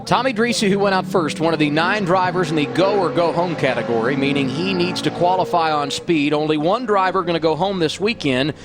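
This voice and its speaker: A man's voice: fairly high pitch, a little fast, few pauses. A man calling motor racing qualifying as a play-by-play announcer. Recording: loud music and car noise behind.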